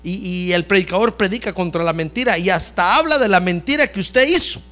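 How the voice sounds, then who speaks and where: A man's voice: high voice, fairly quick. A man preaching a sermon as pastor, talking straight to his listeners and often calling them brother. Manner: animated preaching that repeatedly addresses listeners as brother.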